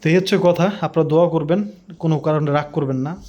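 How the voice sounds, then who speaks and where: A man's voice: a little high, fairly even intonation, quick pace, a little mellow, muffled recording. A man and father chatting in a casual family vlog at home, speaking patiently into a phone held close to his mouth and explaining things at length. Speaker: vlogger and father. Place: at home indoors. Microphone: phone held in front of mouth.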